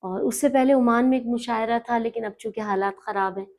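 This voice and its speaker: A middle-aged woman speaking as an interview guest, teacherly and measured, stressing and repeating words to correct pronunciation. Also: on the high side, fairly even intonation, darkish tone. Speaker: guest, newspaper editor and poet. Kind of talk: podcast interview conversation.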